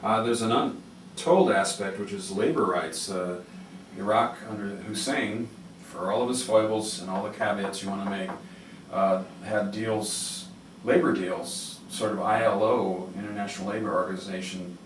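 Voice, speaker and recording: A man's voice: on the low side, moderate pace. A man hosting a public radio interview, talking in a hesitant, digressive, rambling way. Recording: roomy, noisy, distant-mic radio interview.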